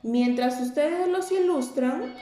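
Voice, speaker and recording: Woman, preschool teacher, slow sing-song, fairly high voice, roomy room, light music behind. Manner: repeats each word slowly and asks the children to say it back; warm and encouraging. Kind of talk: slow, sing-song lesson for small children.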